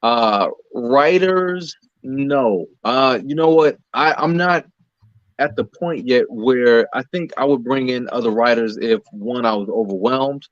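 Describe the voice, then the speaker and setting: Speaking a little slowly at a medium pitch, this American playwright and producer chats casually as an interview guest, explaining his points conversationally. There's a roomy echo on the recording, and the sound quality is dull and lo-fi.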